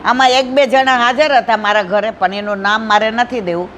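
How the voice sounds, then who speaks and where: A woman speaks in a devotional satsang, telling a story and voicing its people herself. She stresses key lines with slow, repeated phrases, and a faint noise hums behind her voice. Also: on the high side, fairly even intonation. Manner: acts out dialogue in storytelling, slow emphatic repetitions.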